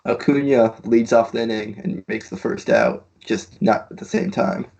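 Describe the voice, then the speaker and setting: A man's voice: medium pitch, fairly even intonation, normal speed, creaky, a little mellow, muffled recording. A man co-hosting a baseball watch party, making dry, wry stat-minded remarks. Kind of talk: casual live baseball chat.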